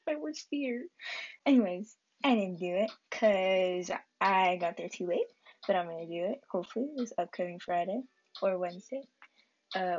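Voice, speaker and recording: Chatty husky teen girl vlogger. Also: medium pitch, a little mellow, highs cut off. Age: teens. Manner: chatty, rambling with many likes and ums. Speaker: student vlogger. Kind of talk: casual weekend recap vlog.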